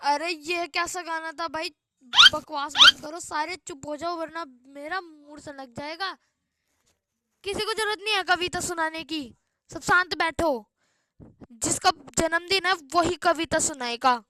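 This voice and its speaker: A woman's voice: very high voice, measured pace, pushed and bright, slight background noise, full character voice. A woman playing a strict, short-tempered male schoolteacher in a comic school skit, scolding and exasperated. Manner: scolding, exasperated, threatens with a stick.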